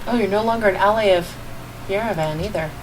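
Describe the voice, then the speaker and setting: Co-hosting a game livestream, a woman chats casually and teases her co-player, playfully mocking as she comments. She talks fast at a medium pitch over a noisy background with music playing behind her.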